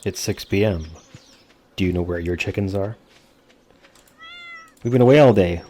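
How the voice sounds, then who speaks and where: Low-voiced man casually commentating a game. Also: moderate pace, warm tone. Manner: informal, joking, swears freely. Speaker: gaming video host.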